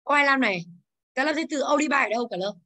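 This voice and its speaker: High bright woman teacher, drills the class with questions. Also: animated, very fast. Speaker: English teacher.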